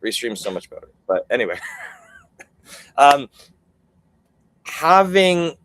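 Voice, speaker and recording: A man's voice: fairly high pitch, very animated, slow pace, fairly bright tone, slight background noise, rough recording. A Canadian man hosting a live online show, rambling with many fillers and self-corrections. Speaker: host. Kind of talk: casual livestream chat.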